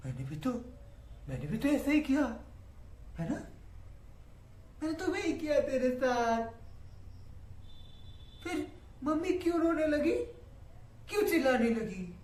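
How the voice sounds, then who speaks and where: A man's voice: extremely high pitch, sing-song, slow, pauses often, darkish tone, exaggerated voice. An unhinged giggling young father. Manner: sing-song lulling, giggling, sudden outbursts. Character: unhinged young father, soothing then menacing. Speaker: monoact performer. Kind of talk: stage monologue. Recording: roomy echo, distant mic.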